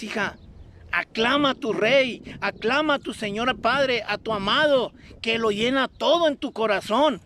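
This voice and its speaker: A man's voice: very high voice, fairly bright tone. A man preaching a fervent sermon to a streamed audience, exhorting listeners with repeated, insistent phrases. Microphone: streamed broadcast.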